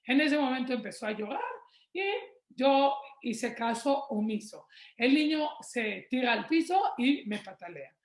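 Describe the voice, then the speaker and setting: A woman's voice: fairly high pitch, animated, unhurried, echoey room. A woman, answering questions in a webinar on raising children and telling stories from her own family. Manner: warm storytelling, acts out quoted dialogue. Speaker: parenting speaker.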